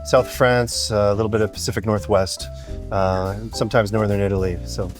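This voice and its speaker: A man talking as a wine director in an interview, measured and knowledgeable about his wines. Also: fairly low pitch, fairly even intonation, soft background music. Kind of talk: interview guest. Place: restaurant.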